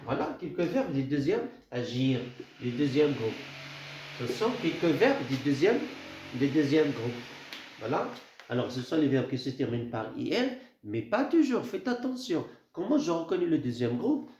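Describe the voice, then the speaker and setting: A man teaching a grammar lesson, speaking slowly, repeating words and spelling out letters. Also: mid-range voice, darkish tone, slight background noise. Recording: echoey room, dull lo-fi sound.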